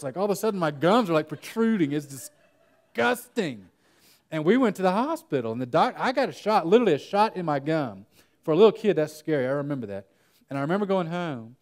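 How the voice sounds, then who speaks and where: A young man leads a conference breakout session in a fairly high voice. He tells stories with plenty of jokes and talks straight to the audience. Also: a little fast. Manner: animated storytelling, jokes with the audience. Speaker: workshop speaker. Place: conference room.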